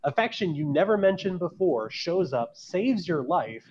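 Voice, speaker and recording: A man's voice: high-pitched, big pitch swings, normal speed, a little mellow. Rambling man with a dull, lo-fi sound. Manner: rambling, many fillers and restarts. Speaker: podcast guest, author. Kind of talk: casual podcast chat.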